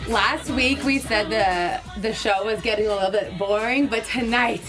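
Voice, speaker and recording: A young woman hosts a relaxed panel show in a mid-range voice. She sounds bubbly and upbeat as she keeps the chat moving. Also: medium pitch, normal speed, music in the background. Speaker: host. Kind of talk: casual panel show hosting.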